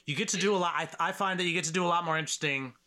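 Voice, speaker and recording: A man's voice: on the high side, very fast, sharp tone. A man hosting a podcast interview in a casual, joking way, often laughing at his own remarks. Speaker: podcast host.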